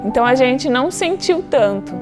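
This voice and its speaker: A woman in her thirties with a Brazilian accent, a health worker calmly telling her story in a documentary interview. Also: sits high, normal speed, music in the background. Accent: Brazilian Portuguese. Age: 30s.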